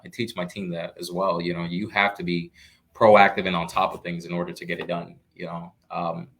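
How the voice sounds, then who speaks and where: A young man from Florida chats easily as an interview guest, his voice sitting a little low. He keeps things loose and conversational, often leaning on "you know" and starting sentences over. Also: a little fast. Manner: relaxed, peppered with "you know" and restarts. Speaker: guest, real estate investor. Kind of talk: casual live Q&A chat.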